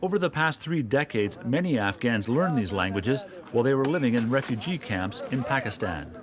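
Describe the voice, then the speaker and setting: Measured male documentary narrator. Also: medium pitch, lively intonation, crowd noise.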